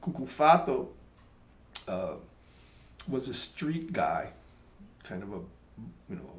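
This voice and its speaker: A man's voice: low voice, big pitch swings, takes it slowly. A man from Tampa telling local stories in a casual, rambling way with self-mocking humor. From Tampa, Florida, USA. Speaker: local storyteller. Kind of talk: casual storytelling monologue. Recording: roomy echo.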